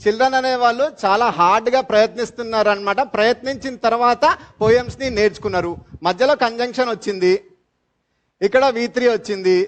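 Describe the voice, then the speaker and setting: High-voiced man teaching English grammar. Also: fairly even intonation. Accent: Telugu. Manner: explains slowly, repeats terms, quizzes students. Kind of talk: live class lecture. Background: fans running in classroom.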